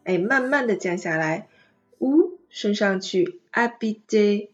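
A woman teaching a French pronunciation lesson, explaining patiently step by step and modeling each phrase slowly. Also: mid-range voice, animated, fairly bright tone, highs cut off, faint music behind. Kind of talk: online language lesson.

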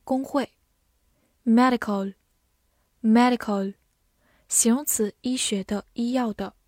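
A woman teacher drills vocabulary very slowly and deliberately, saying each word twice. Her voice is mellow and warm. The recording is dry and close. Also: fairly high pitch, no room sound. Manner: says each word twice, slow and clear. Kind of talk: vocabulary review lesson.

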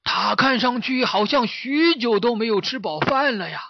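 A man's voice: very high-pitched, lively intonation, moderate pace, no echo, lo-fi sound, voice pushed up, exaggerated voice. A man voicing a kindly martial arts master in a storybook, given to exclamations. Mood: exclaiming.

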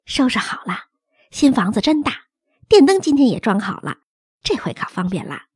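Woman voicing a superstitious older nanny, chatty, fretful, breathy, close dry sound. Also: a little high, big pitch swings, normal speed, darkish tone, no echo, voice pushed down, exaggerated voice. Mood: relieved. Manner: fretful, gossipy, folksy. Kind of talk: audiobook character reading.

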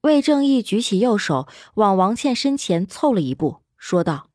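A woman narrating a serialized novel in an expressive storytelling manner. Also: mid-range voice, moderate pace, no room sound, clean studio sound. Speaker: audiobook narrator.

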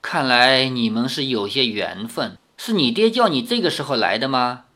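A reader voicing an old woman, an elder who questions a young stranger sharply and then warms to him with formal, old-fashioned courtesy. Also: mid-range voice, sing-song, moderate pace, pitched above the performer's own voice. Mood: courteous. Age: older. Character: stern then kindly old woman, elder of a hidden sect.

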